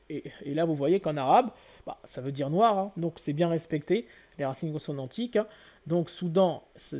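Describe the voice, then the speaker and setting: Mellow-voiced man lecturing methodically. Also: a little high. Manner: methodical, repeats points with "hein" and "donc". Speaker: video lecturer on word origins. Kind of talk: explanatory lecture.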